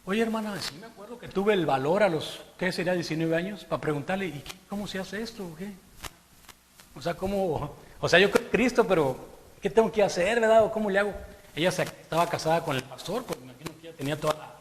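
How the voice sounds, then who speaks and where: Male preacher, high voice, emphatic conversational sermon, long hall reverb. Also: lively intonation, quick pace, a little hiss or hum. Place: church hall.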